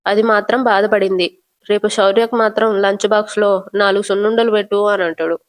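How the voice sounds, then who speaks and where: A woman's voice: medium pitch, fairly even intonation, a little fast. A woman vlogger retelling a TV serial episode in a conversational, storytelling way.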